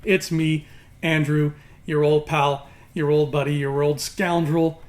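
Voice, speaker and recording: A man's voice: fairly high pitch, little pitch movement, slow pace, a little mellow. A man hosting an opinionated video review in an emphatic, sarcastic, exasperated way, his words slightly mumbled as if he had marbles in his mouth. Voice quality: slightly slurred, marbles-in-mouth articulation from a swollen mouth. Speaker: YouTube host reviewing books.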